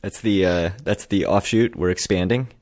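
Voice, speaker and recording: Very low-voiced male podcast co-host from Maryland, wry, dry close sound. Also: normal speed, darkish tone, dry recording. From Prince George's County, Maryland. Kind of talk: casual chat.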